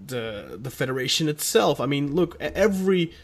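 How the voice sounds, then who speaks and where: A man's voice: fairly high pitch, sing-song, normal speed. A male podcast co-host talking football in a rambling, casual way, often restarting his sentences. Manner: rambling, restarts often, self-aware about stuttering.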